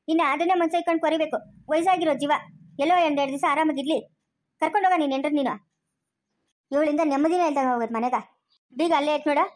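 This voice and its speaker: Woman, one-woman family quarrel drama, rapid and bickering. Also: very high-pitched. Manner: scolding, quarrelsome, switches between characters. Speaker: solo actor playing a whole family.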